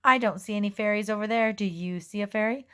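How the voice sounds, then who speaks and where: A woman's voice: medium pitch, quick pace, clear, resonant tone, lightly acted. Mocking little fairies, as a woman reads them. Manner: mocking, taunting. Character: teasing mean little girl fairies.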